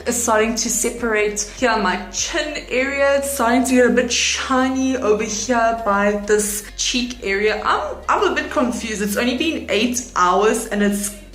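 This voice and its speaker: A woman's voice: a little high, unhurried, a bit bright. A woman beauty vlogger chatting casually to camera in a bathroom, with audible echo on her voice. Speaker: beauty vlogger reviewing makeup. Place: small indoor bathroom. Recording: echoey bathroom.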